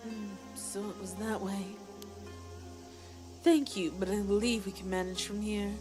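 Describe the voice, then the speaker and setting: A calm, well-mannered young lady voiced by a woman reading a game aloud, speaking in formal, measured phrases. Her pitch sits in a plain middle register, lower than the reader's own. Faint game music plays underneath. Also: close to an everyday voice. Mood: polite. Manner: courteous, measured. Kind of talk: voicing game dialogue aloud.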